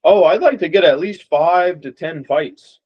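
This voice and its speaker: A young boxer from Las Vegas, USA, speaks unhurriedly in a husky, slightly high voice. Relaxed in a casual interview, he rambles with many fillers, and the audio is dull and lo-fi.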